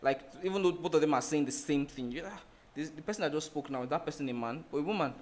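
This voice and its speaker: A man's voice: a little high, expressive, fast. A man teaching a design lesson over a screen share. He explains in a loose, rambling way, restarting sentences and leaning on "like" as he thinks. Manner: rambling, with many restarts and "like" fillers. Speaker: design instructor.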